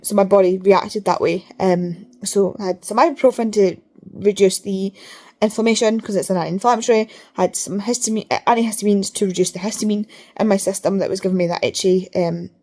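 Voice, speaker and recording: A woman's voice: medium pitch, dark tone. A woman vlogger chatting casually, talking with her mouth barely open and rambling, repeating herself for emphasis. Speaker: reading vlogger. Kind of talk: casual chat to camera.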